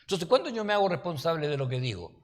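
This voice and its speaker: Un pastor con acento chileno que da un estudio bíblico en tono de charla, con anécdotas y preguntas como "¿ya?" a los oyentes. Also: male voice, on the high side, very animated, fast talker. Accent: Chilean Spanish. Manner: folksy, anecdotal, asks listeners "¿ya?". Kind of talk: conversational Bible-study sermon. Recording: reverberant hall.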